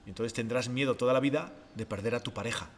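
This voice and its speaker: A man talks through his ideas calmly and reflectively, posing questions and then answering them himself. His voice sits in a middle register. The room adds a long, lingering reverb. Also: mid-range voice, fast. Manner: calm, reflective, explains step by step with rhetorical questions. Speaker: podcast co-host, behavior expert. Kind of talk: explanatory podcast talk.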